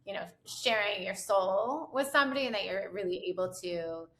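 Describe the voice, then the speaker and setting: A woman's voice: medium pitch, moderate pace, fairly bright tone. A middle-aged woman, an educator and researcher, chatting as a podcast guest and leaning often on "you know" and "like". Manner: chatty, filler-heavy with frequent "you know" and "like". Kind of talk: casual interview chat.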